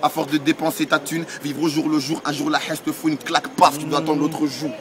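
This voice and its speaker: A man's voice: a little high, level tone, fairly quick, a crowd in the background. A man from Congo freestyle rapping on the street in a rhythmic, boastful flow. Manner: rhythmic rhymed delivery, boastful. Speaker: street rapper. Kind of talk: freestyle rap. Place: outdoors on a street.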